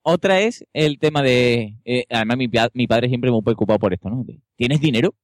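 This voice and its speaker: A man chats casually on a podcast, adding little check-ins as he talks. His voice is mid-pitched and recorded close and dry. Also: a little fast, no echo. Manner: chatty, often tags "¿vale?". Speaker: podcast co-host. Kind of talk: casual chat.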